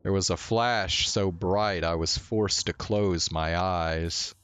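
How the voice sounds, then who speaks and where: A man streaming a visual novel, reading its narration aloud in a slow, even way. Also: low voice, clear, resonant tone.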